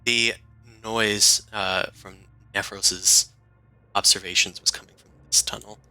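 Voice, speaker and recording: A man's voice: lowish voice, steady tone, unhurried, pushed and bright, clean tone, faint music behind, poor audio. A man narrating a tabletop role-playing game as game master in a casual, improvised, conversational way.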